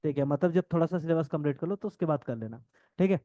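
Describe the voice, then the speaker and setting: A man teaching a coaching class, dictating notes and repeating phrases, talking fast and joking with students now and then. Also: fairly high pitch, expressive, dark tone, no echo, muffled recording. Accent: north Indian Hindi. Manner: jokes with students, laughs often.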